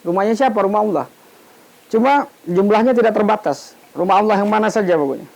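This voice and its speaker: A man with a high, slightly mellow voice and vocal fry speaks a little fast on a rough recording. He teaches Islamic studies informally, asking questions and then answering them, often restarting half-finished words to get them out.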